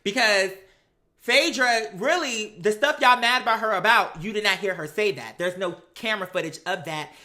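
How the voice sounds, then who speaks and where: At a moderate pace and medium pitch, an American reality TV commentary host gives her recap with casual sass, plenty of slang, and swearing. Blunt and animated, she voices imagined dialogue.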